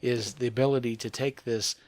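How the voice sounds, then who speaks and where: A man's voice: medium pitch, fairly even intonation, fairly quick, a little mellow, dry recording. A man co-hosting a podcast, chatting enthusiastically and rambling about geek news. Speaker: podcast co-host.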